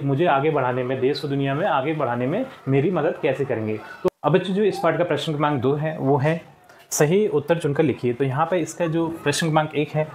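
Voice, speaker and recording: A man's voice: fairly high pitch, darkish tone, slight background noise. A man teaching young pupils, patiently going through textbook answers and often repeating words. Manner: patient, repeats answers, frequent "theek hai". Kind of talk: explaining a textbook lesson.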